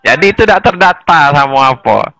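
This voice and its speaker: Guest speaker, man, bright voice, dry close recording; lively explainer who chuckles and restarts. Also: fairly high pitch, a little fast, dry recording, rough recording. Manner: animated, chuckles between points, restarts mid-sentence. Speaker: guest explaining village data administration. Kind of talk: casual explanatory conversation.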